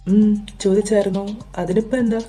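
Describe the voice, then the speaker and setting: A woman voicing a caring, protective young man who acts as an older brother, talking in a gentle, coaxing way in a fan audio drama. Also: mid-range voice, little pitch movement, brisk, faint music behind, close to an everyday voice. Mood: reassuring.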